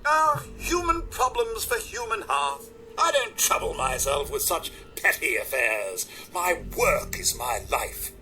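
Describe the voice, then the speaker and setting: An actor playing an overly smooth, too polite male robot butler in a video game, servile and self-satisfied. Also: sits high, sing-song, a little slow, bright, forceful tone, faint music behind, full character voice. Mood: smug. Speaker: robot vault doctor.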